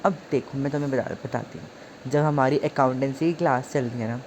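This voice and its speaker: Chatty woman tutor, playful, acts stuff out, low mellow voice. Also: steady tone, fairly quick, a little hiss or hum. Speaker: psychology tutor. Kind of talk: casual online lesson.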